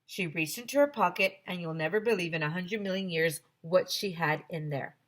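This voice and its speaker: A woman with a voice on the low side reads to her class from a children's book. As their teacher, she narrates with deliberate expression.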